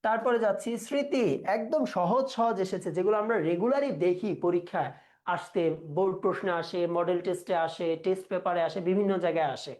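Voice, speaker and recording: A male teacher leads a live online exam-prep class, quizzing students and slowly repeating words to drill their pronunciation. His voice is high-pitched with a darkish tone.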